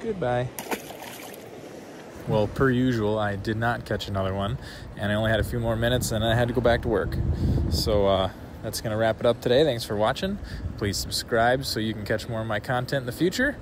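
This is upbeat, excitable outdoor vlog narration from a man fishing on a rocky riverbank, spoken at a fairly quick pace in a medium pitch. The body-worn camera's audio is noisy, full of wind and outdoor sounds, with a train passing in the background.

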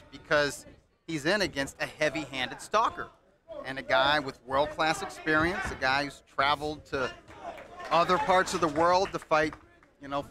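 A man with a slightly high voice gives colour commentary as a boxing analyst. He explains things conversationally while a crowd is clearly heard behind him. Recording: live event with crowd noise behind.

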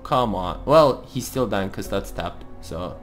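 A man with a slightly deep voice gives casual gameplay commentary. He thinks aloud as he goes, with faint music underneath. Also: animated, a little slow. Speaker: host of a card game let's play series.

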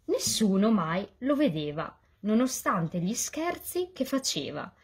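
A woman reading a rhyming children's story aloud as a volunteer reader, in a lively, sing-song delivery. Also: medium pitch, a little slow, breathy edge.

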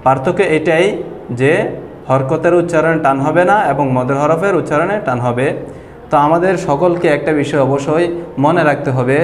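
Man, somewhat high voice, patient whiteboard teacher, roomy echo, faint hiss. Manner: slow, patient explaining, drawing out example sounds. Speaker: Quran reading teacher. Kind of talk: whiteboard lesson on Quran pronunciation. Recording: echoey room with long reverb and faint noise.

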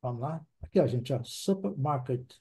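Male teacher, higher pitch, very mellow tone; patient drill style, constant check-ins. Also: expressive, moderate pace, husky. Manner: patient, repeats words for drilling, keeps checking in with the class. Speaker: English teacher. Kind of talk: online English class in Portuguese.

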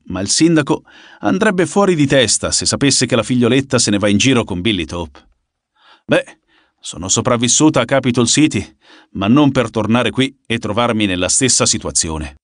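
A man voicing a defiant, sharp-tongued young woman singer in an audiobook, scornful and quick to bite back. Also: medium pitch, dry recording, clean studio sound, close to an everyday voice.

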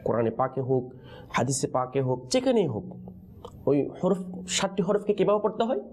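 A man leads a Quran pronunciation class, his pitch lively and swinging high and low as he drills letter sounds. His tone is mellow and soft. He calls out a question and waits for the students to finish it. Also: a little fast. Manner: call-and-response teaching, prompting answers with questions. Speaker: Quran recitation teacher.

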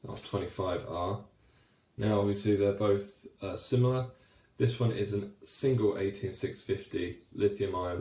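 A deep-voiced man in his thirties talks through a product review in a loose, chatty way, full of fillers and restarts. His voice rings with the echo of a small, hard-walled room. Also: mellow. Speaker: cycling light reviewer. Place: small wooden shed, then a home room.

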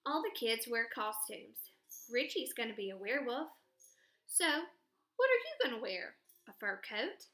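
A woman's voice: fairly high pitch, lively intonation, normal speed, fairly bright tone, echoey room. A woman reading aloud, voicing a cheerful, teasing male school janitor in a storybook. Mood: chatty. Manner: chatty, teasing.

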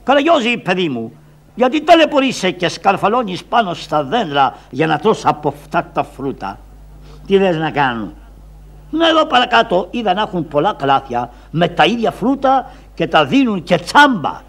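A man's voice: high-pitched, big pitch swings, a bit bright, full character voice. Man playing a solemn heroic captain. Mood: commanding, worried. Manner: solemn, declaiming orders. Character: Odysseus, grown male hero and commanding captain. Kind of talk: traditional shadow-puppet theatre voice.

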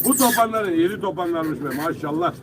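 Male market auctioneer, high-pitched, repetitive price calls to bidders, picked up from a distance. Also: fairly quick, background noise. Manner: repetitive sales calls addressed to the gathered buyers. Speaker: fish auctioneer. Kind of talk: live auctioneer calling prices and selling lots to bidders. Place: busy fish market auction. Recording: distant mic amid loud market crowd. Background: loud crowd of buyers.

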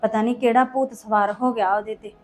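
A woman's voice: fairly high pitch, fairly even intonation, quick pace, faint music behind, lightly acted. A young woman playing a hurt, defensive wife who complains and pleads in a family drama. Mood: upset. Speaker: actor in a family web drama. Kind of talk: acted family drama dialogue.

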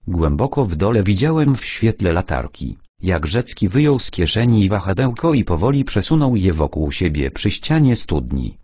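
Male audiobook narrator, first person, calm and measured, low husky voice, dry close recording. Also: no room sound.

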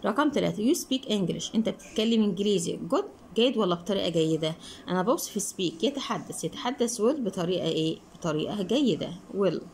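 A woman with an Egyptian Arabic accent explains an English textbook lesson. She asks questions and answers them herself, and she reads the English words slowly before explaining them quickly. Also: medium pitch, expressive, a little mellow, slight background noise, low-quality recording. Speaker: English teacher.

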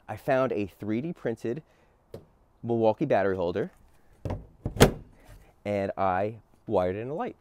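A young man from New Jersey, a plumber, casually showing off his work van, relaxed and chatty with many fillers. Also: mid-range voice, smooth, no room sound. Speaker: plumber giving a van tour. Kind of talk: casual show-and-tell. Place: inside and beside a work van, outdoors.

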